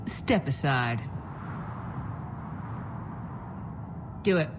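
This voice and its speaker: Commander Shepard, a low-voiced military commander. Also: female voice, animated, a little slow, background noise. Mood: confident teasing. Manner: dry, self-assured, teasing. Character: steady, dryly teasing female military commander. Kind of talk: video game cutscene acting. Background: music.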